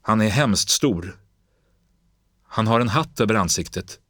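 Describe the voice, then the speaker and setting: A man's voice: on the low side, lively intonation, fairly bright tone, dry recording, studio quality, pitched above the performer's own voice. A man reading aloud and voicing a frightened young boy who cries out urgently to his grandmother in a storybook. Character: frightened young boy, desperate then overjoyed.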